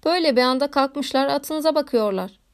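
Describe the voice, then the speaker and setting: A woman's voice: high voice, fairly quick. Female reader voicing a cranky aging nobleman, blunt complaints, storybook audiobook. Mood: grumbling. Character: gruff aging nobleman, quick to grumble. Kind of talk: audiobook reading.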